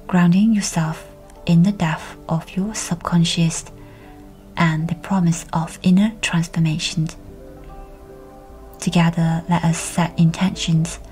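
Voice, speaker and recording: A woman guides listeners through a scripted meditation in a fairly low voice. She speaks in a hushed, breathy near-whisper that stays soothing and measured.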